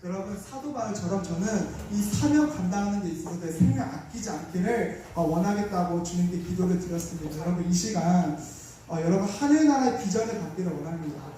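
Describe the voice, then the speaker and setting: Fervent high-voiced young man preaching. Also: animated, brisk, few pauses, dark tone, distant mic, slight background noise. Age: young adult. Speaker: young lay speaker giving testimony. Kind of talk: revival sermon testimony. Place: large church sanctuary. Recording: echoey church hall from afar.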